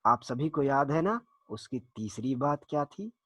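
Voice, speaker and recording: A man with a mid-range voice tells a folktale for children, narrating expressively and deliberately with dramatic pauses. The recording has no echo.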